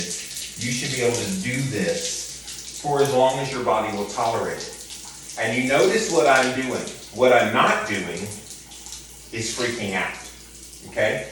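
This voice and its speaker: Male vlogger under a freezing shower, calm casual coaching, very echoey room, loud-ish water noise. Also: mid-range voice. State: talking while under ice-cold water. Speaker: vlogger doing a cold-water challenge. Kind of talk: casual instructional vlog chat. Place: open shower in a hotel bathroom. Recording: echoey bathroom, distant mic, noisy running water. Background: running shower water.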